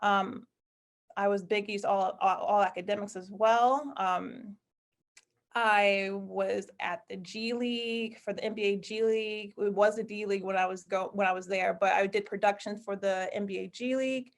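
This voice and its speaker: A woman's voice: mid-range voice, steady tone, moderate pace. A woman in her thirties from Connecticut, speaking as a guest on a panel, friendly and rambling, with many fillers and self-corrections. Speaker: guest speaker, college basketball staff. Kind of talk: casual panel talk on a video call.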